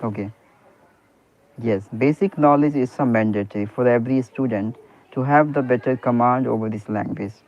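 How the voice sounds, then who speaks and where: An English practice conversation comes over a tinny line from a private teacher, a man whose native tongue is Hindi. He speaks at normal speed with a medium pitch, sounding earnest, restarting sentences and dropping "okay" and "you know" often.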